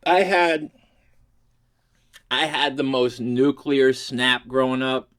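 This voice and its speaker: A middle-aged man at a medium pitch, reacting in loose, casual commentary. He swears freely, gets animated, and often breaks into laughter. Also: takes it slowly. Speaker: comedy video host.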